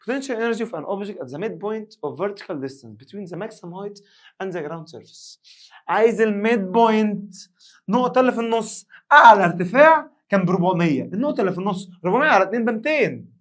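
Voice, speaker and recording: A young man with an Egyptian Arabic accent teaching a recorded science revision lesson, joking with imagined students and reading the English questions slowly. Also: high-pitched, expressive.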